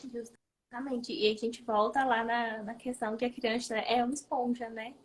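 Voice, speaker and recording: A woman with a Brazilian Portuguese accent who interviews her guest in a relaxed way, often tagging her points with a questioning "right?". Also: fairly high pitch, moderate pace. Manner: relaxed, frequent tag questions. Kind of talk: conversational interview.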